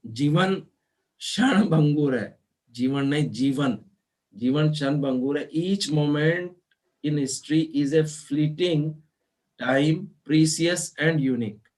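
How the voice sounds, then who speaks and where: A man teaching an online class, explaining slowly and spelling words out letter by letter, mixing in English terms. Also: fairly high pitch. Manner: mixes Hindi with English terms. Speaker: law teacher.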